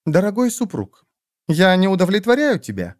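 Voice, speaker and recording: A man's voice: a little high, expressive, moderate pace, no echo, clean studio sound, natural voice. Man playing a prim, cutting queen. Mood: cold. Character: haughty queen, jealous and sharp-tongued.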